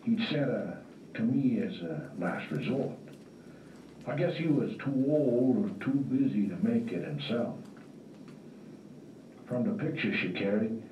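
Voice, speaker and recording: A man playing a world-weary hardboiled detective, narrating a film-noir story in a slow, wry, tough-guy drawl. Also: mid-range voice, slight background noise, natural voice. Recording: roomy, distant, dull lo-fi recording with faint music.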